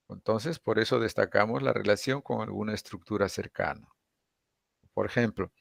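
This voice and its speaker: A man teaching an introductory anatomy class, explaining step by step and often checking in with quick tag questions. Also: on the low side, creaky, a bit bright, dry recording, clean studio sound. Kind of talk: lecture.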